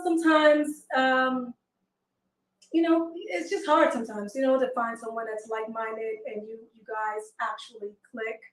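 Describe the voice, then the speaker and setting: A woman in her twenties from Haiti, a guest on a call-in show, speaking softly and hesitantly with many fillers. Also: on the high side, roomy sound, distant mic, low-quality recording. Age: 20s. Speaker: show guest seeking a partner. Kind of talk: casual call-in chat.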